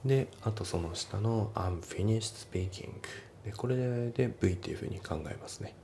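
A man's voice: lowish voice, creaky, mellow, a little hiss or hum. A man teaching English, methodically parsing test sentences and coaching pronunciation. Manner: methodical, reads English lines slowly then explains in quick Japanese.

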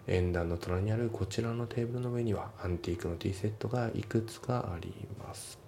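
A man's voice: fairly low pitch, gravelly, dark tone, slight background noise. A man teaching English, methodically parsing test sentences and coaching pronunciation. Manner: methodical, reads English lines slowly then explains in quick Japanese.

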